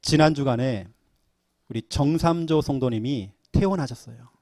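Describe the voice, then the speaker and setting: A middle-aged man, a pastor, preaching a sermon and telling stories with lively acted-out quotes. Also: mid-range voice, normal speed, no echo, studio quality. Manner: animated storytelling, acting out quoted voices.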